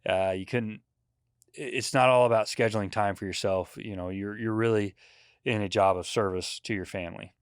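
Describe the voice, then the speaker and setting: A man's voice: fairly low pitch, normal speed, smooth, no room sound, studio quality. Man in his forties, laughing storyteller. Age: 40s. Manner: relaxed, rambling storyteller who laughs often. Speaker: podcast guest. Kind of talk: casual chat.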